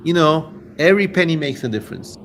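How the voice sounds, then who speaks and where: This Turkish man speaks fast in a somewhat high voice with lively intonation, a faint hiss or hum behind him. With a Turkish accent, he runs a relaxed, theatrical livestream, chatting and reading out comments from viewers.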